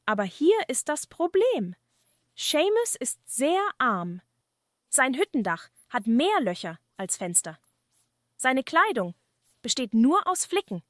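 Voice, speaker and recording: Woman doing tiny leprechaun cobbler guy in a fireside story, high n twinkly, proud, polite. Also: sing-song, takes it slowly, dry recording, clean studio sound, exaggerated voice. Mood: earnest. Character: tiny proud, kindly male leprechaun shoemaker.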